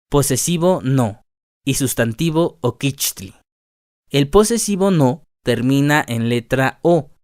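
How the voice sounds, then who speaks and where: A man narrating a scripted language lesson, reading word lists slowly and deliberately. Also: fairly high pitch, no echo, clean studio sound. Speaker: language teacher.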